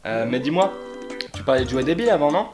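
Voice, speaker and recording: A man with a slightly high voice chats very quickly as a comedy sidekick. He interjects with casual, crude jokes over clearly audible music. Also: lively intonation. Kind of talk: casual joking chat.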